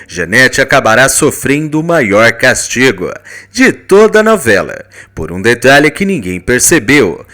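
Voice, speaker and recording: A man's voice: mid-range voice, pushed and bright. A man with a Brazilian Portuguese accent narrating a telenovela recap in a dramatic, teasing style. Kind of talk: scripted narration.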